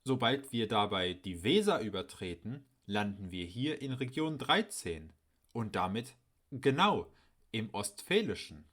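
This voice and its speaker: A man narrating a scripted educational voice-over, explaining clearly and speaking directly to his viewers. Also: lowish voice, sing-song, measured pace, a bit bright. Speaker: channel host explaining dialects.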